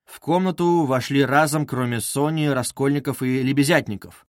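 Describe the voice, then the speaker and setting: A man narrating a classic novel in a measured, expressive reading. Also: medium pitch, no room sound, studio quality. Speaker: audiobook narrator.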